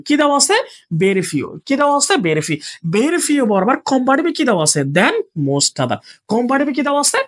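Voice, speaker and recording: Husky teacher quizzing and self-answering. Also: mid-range voice, fairly bright tone. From Bangladesh. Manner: asks questions and answers them himself. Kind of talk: exam-prep grammar lesson.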